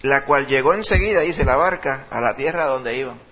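A man preaching a lively sermon, calling his listeners brother. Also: mid-range voice, normal speed, lo-fi sound. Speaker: pastor.

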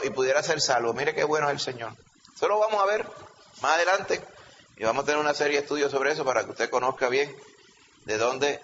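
A man's voice: mid-range voice, a bit bright. A male pastor preaching a sermon in an emphatic teaching manner, often checking in with the congregation. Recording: reverberant hall, slightly dull sound, faint background hum.

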